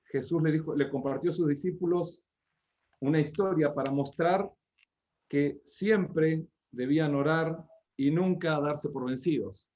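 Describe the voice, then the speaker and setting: A man from Patagonia, giving a missionary report over a video call in a joking, lively way. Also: on the high side, unhurried, muffled recording. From Argentine Patagonia.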